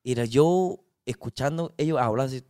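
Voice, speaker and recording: A man's voice: medium pitch, fairly quick, a little mellow. Chinese man speaking broken street Spanish. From China. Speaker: guest. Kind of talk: casual interview chat.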